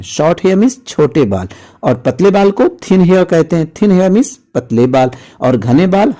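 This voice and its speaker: Speaking in Hindi, a man teaches English vocabulary, patiently repeating every word along with its meaning and calling his viewers friends. His voice is a little high with a dark tone.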